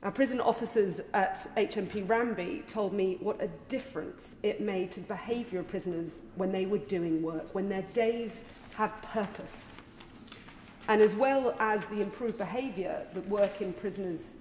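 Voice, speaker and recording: A woman member of parliament delivering a formal speech in a measured, earnest, rhetorical way in a large debating chamber. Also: mid-range voice, darkish tone. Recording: echoey hall, distant reverb, noisy ambience.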